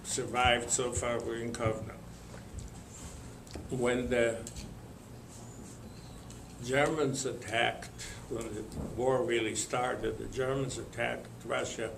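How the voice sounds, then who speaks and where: An older man from Lithuania, telling his life story to an audience in a slow, halting way with many pauses and fillers. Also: medium pitch, little pitch movement, gravelly, echoey room, background noise. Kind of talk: spoken testimony to an audience.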